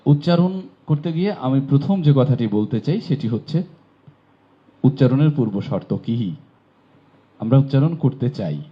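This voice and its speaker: A man's voice: mid-range voice, expressive, moderate pace, long pauses. A man from Bangladesh teaching pronunciation in a classroom lecture, explaining patiently and asking rhetorical questions. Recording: dull lo-fi recording.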